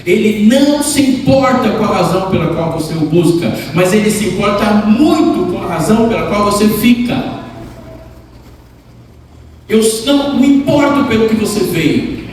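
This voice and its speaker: A man preaching a dramatic sermon, his voice pitched a little high. He swings between loud proclamations and near-whispers and puts questions to the people in front of him. He is recorded from far off in a big hall with a long, heavy echo. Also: a little hiss or hum. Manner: asks the congregation direct questions. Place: large church hall.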